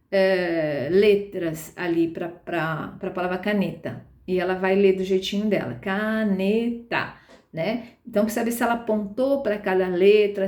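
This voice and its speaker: A woman's voice: fairly high pitch, a little mellow, echoey room. A woman teaching a class on early literacy, explaining step by step with patient, frequent check-ins to her listeners. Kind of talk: explanatory lecture.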